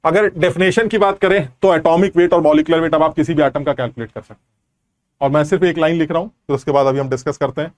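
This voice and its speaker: A man's voice: a little high, fairly even intonation, quick pace, a little mellow, dry recording. A man teaching a chemistry lesson online, explaining step by step and quizzing students with rhetorical questions. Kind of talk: online class lecture.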